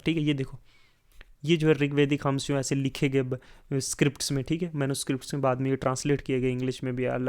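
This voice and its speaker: A man's voice: fairly high pitch, clear, resonant tone. A man explaining a history chapter casually to students, often switching between languages and repeating fillers. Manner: mixes English phrases into explanation, repeats filler "theek hai". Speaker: teacher.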